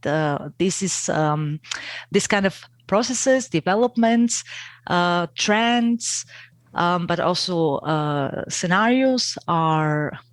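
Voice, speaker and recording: A woman's voice: lowish voice, no echo. A middle-aged woman from Bulgaria with a Bulgarian accent, answering interview questions hesitantly with many fillers. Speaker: guest expert.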